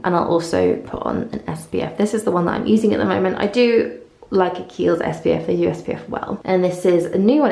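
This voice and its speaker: A woman's voice: mid-range voice, vocal fry, a little mellow. Woman chatting in an echoey bathroom. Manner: chatty, informal, self-deprecating asides. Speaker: beauty vlogger. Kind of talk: casual chat to camera, morning routine walkthrough. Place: small indoor bathroom.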